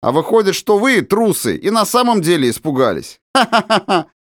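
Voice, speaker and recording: A man's voice: high voice, very animated, brisk, fairly bright tone, no room sound, clean studio sound, pitched above the performer's own voice. A man voicing a cheerful teenage prankster with a ringing laugh who teases his friends, in an audiobook. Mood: merry teasing. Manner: laughing, teasing. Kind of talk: audiobook character voice.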